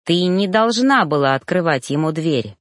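A woman voicing a proud male reaper who gives curt, harsh orders in a lowered voice. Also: animated, moderate pace, dry recording, clean studio sound, close to an everyday voice. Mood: cold harsh.

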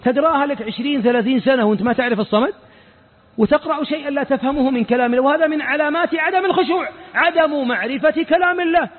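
A man's voice: extremely high pitch, very fast. A man with a Saudi accent giving a colloquial mosque lesson as a sheikh, firing rhetorical questions at his listeners and acting out the people he quotes. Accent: Saudi Arabic. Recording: lo-fi phone-like audio with long reverb.

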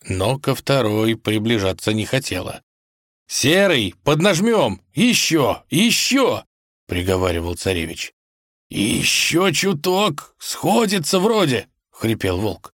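A man with a low, grounded voice reads a fairy tale aloud in a measured, expressive way. The recording is dry and close, with no room sound around him. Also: dry recording. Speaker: narrator. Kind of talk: fairy tale audiobook reading.

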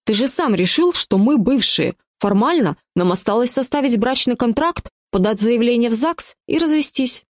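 A woman's voice: a little high, animated, normal speed, hardly any pauses, no echo, clean studio sound, pitched above the performer's own voice. A woman voicing a feisty, quarrelsome young wife in an audiobook, speaking sharply. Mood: puzzled.

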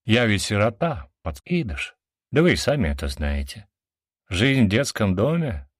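A man's voice: lowish voice, sing-song, moderate pace, slightly rough, no room sound, studio quality. A man narrating a fantasy audiobook with dramatic storytelling.

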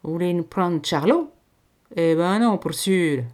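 A woman's voice: fairly low pitch, expressive, a little slow. A woman doing a furious peasant mother. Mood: outraged. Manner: loud, indignant, rustic speech. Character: angry peasant mother, shouting refusal.

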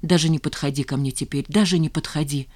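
A woman's voice: low-pitched, steady tone, quick pace, darkish tone. Stern exasperated young woman, read by a woman, scolding; audiobook. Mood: bitter. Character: angry, irritated young woman, stern friend.

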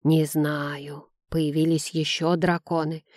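A shaken old coachman, in an audiobook, as a woman reader puts him on, speaks in a slow, low, hushed way with halting pauses. The voice is mellow and dry, with no room around it. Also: steady tone, no room sound, close to an everyday voice. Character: elderly male coachman, frightened and hesitant.

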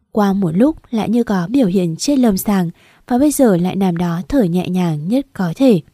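A woman reads a romance story aloud in a steady, emotive way. Her voice is mellow and dark-toned, recorded close and dry with no room echo. She narrates at an even pace. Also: mid-range voice. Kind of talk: storybook reading.

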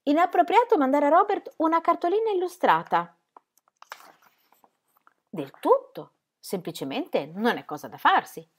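A woman's voice: lowish voice, huge pitch swings, a little slow, few pauses, a bit bright, breathy edge, full character voice. A woman reading aloud, voicing an irritable, impatient male painter who bursts out emphatically. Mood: disapproving. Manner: exasperated, emphatic outbursts.

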